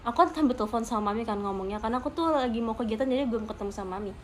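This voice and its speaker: High-voiced chatty young woman. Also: very fast, a little hiss or hum. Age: young adult. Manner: chatty, laughs often, emphatic asides to viewers. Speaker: idol streaming to fans. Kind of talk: casual livestream storytelling.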